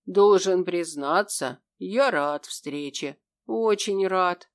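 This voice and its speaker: A woman doing a smug, grumbling demon. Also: low voice. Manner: slow, drawn-out and smug, at times breathy and soft. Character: grumbling, smug male demon with horns and fangs.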